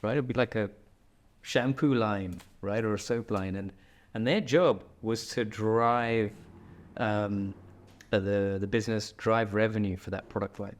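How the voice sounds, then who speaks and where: A man with a low-pitched voice talks casually as a podcast guest, thinking aloud. His delivery is relaxed and joking, and he keeps checking in with "right?". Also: measured pace. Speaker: podcast guest, product executive. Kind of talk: casual conversational interview. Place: indoor room, in person with host.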